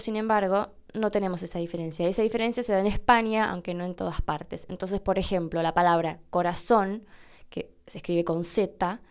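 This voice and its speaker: A woman's voice: mid-range voice, clear, resonant tone. A woman, hosting a language lesson and explaining pronunciation patiently with a wry touch. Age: 20s. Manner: patient, wry, with slowed demonstration words. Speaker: Spanish teacher and podcast host.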